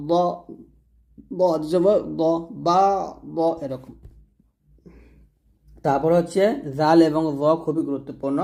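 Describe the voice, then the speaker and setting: Man slowly demonstrating recitation sounds. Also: fairly high pitch, warm tone. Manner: slow, drawn-out demonstration of letter sounds; contrasts thin and thick letters by repeating them. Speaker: Quran recitation teacher. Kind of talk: pronunciation lesson.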